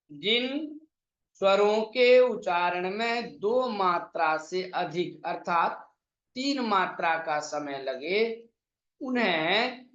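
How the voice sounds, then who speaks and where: A man teaching an online exam-prep lesson, drawing out vowel sounds slowly and reciting verses in a chanting lilt. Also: high-pitched, fairly bright tone. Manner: slow, drawn-out vowel demonstrations. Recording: echoey, slightly dull sound.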